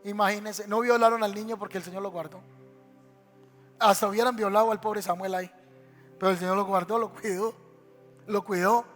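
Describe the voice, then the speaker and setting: A man's voice: high voice, fairly bright tone. A male pastor preaching a dramatic sermon and acting out the scenes he tells. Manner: dramatic storytelling preacher who acts out scenes. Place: church sanctuary. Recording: reverberant church hall with faint music.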